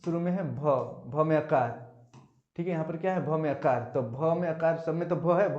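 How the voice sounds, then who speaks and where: A man's voice: a little high, darkish tone, reverberant. A man teaching an exam-prep lesson, going through quiz answers, urging viewers to comment and slipping English phrases into his talk. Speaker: exam tutor. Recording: dull lo-fi audio.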